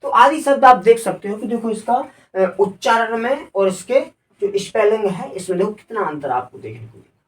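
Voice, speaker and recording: A man's voice: sits high, expressive, moderate pace, echoey room, recorded from a distance. Man teaching grammar, off-mic. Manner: spells words out letter by letter and asks rhetorical questions. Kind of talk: classroom lecture.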